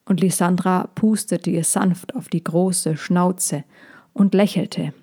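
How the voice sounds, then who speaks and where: A woman narrates a children's fantasy tale in a calm, soothing reading. Her voice sits a little low and mellow, and she takes her time with every phrase. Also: slow. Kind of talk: storybook reading.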